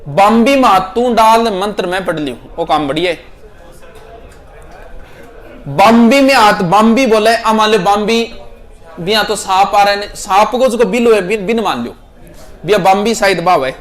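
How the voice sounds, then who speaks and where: A man's voice: high-pitched, lively intonation, normal speed, pauses often. A man with a Rajasthani accent teaching a class, repeating each proverb and explaining it in a chatty style with local dialect and jokes for the students.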